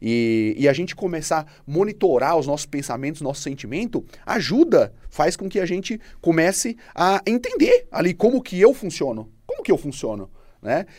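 Homem animado de voz aguda. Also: male voice, on the high side, sing-song, normal speed, darkish tone, dry recording. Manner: conversational, filler-heavy, frequent "né?". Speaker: podcast co-host. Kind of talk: casual business podcast talk.

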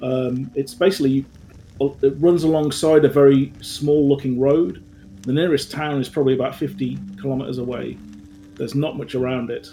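A man's voice: mid-range voice, steady tone, moderate pace, warm tone. A man narrating a tabletop horror game as game master, reading out a briefing and then explaining loosely with many fillers.

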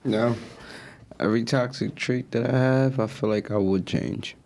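A man's voice: medium pitch, normal speed, vocal fry, darkish tone, slight background noise. A man co-hosting a podcast, talking casually and rambling with lots of "like" as he works through his thoughts. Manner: rambling, hedging with "like". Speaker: podcast co-host. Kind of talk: casual chat.

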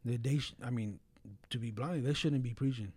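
A man's voice: mid-range voice, moderate pace, a little mellow, husky. A man talking casually and earnestly about religion in a blunt way, often peppering his speech with slang and filler phrases. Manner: blunt, earnest, frequent "bro" and "you know".

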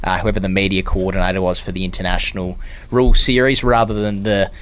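An Australian man co-hosting a podcast, speaking in a measured, appreciative way about his community radio years. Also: sits low, flat delivery, a bit bright, clean tone. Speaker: podcast co-host, former community radio broadcaster. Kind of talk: casual chat.

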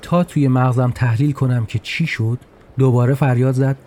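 A man's voice: medium pitch, fairly even intonation, darkish tone. A man narrating a personal story in a podcast with a wry, humorous touch.

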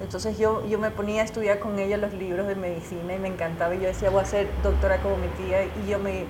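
A woman journalist, telling her own stories as an interview guest in an animated, emotional way, full of restarts. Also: mid-range voice, fast talker, background noise. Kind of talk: casual conversational storytelling. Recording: echoey room.

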